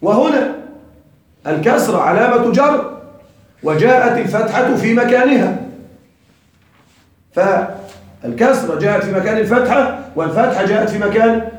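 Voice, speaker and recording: A man's voice: high-pitched, animated, normal speed, pauses often. A man teaching a classroom grammar lesson, quizzing his students and repeating their answers. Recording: very echoey room, voice from far off.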